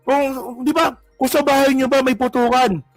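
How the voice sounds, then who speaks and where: High-voiced mocking Filipino man. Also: steady tone, normal speed, dry recording, faint music behind. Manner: mocking, taunting, rambling. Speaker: commentary vlogger. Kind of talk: casual political commentary.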